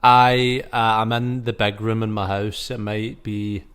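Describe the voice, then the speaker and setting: A man's voice: fairly low pitch, completely flat delivery, unhurried, fairly bright tone, smooth. A man co-hosting a podcast, chatting and joking from a big echoey room in his home. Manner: joking, self-mocking. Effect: roomy echo, as in a big hall. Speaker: podcast co-host. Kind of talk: casual banter. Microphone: home podcast mic.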